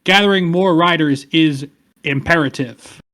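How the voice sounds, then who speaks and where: Jimbo is a precise, formal robot assistant who states everything in the same level, deadpan tone. He talks in a slightly high register for a man, as a player puts him on during a tabletop game. Lines come out clipped and businesslike. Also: unhurried. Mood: solemn. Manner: flat, formal robotic delivery. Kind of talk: tabletop role-play in character.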